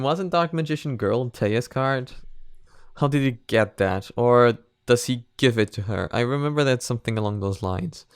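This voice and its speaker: Speaking in a clean, mid-range voice, a man reacts casually and without a script to an animated parody series as a video reviewer. He hesitates, wanders off topic and repeats himself. It's a studio-quality recording with no echo.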